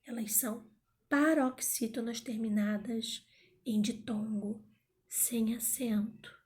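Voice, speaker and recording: A woman teaching a grammar lesson in a playful manner, sometimes calling out words loudly to find the stressed syllable. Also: fairly high pitch, steady tone, slow.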